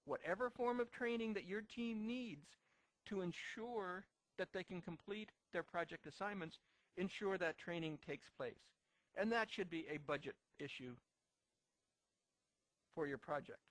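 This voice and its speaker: A man's voice: sits high, unhurried, fairly bright tone, no echo, rough recording. A man teaching a recorded lecture, talking emphatically and often repeating himself to drive a point home. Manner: emphatic, repetitive, acts out short quotes. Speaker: instructor.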